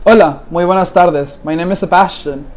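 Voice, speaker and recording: Young male student guide from Guatemala, high pitch. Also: normal speed, darkish tone, poor audio. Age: young adult.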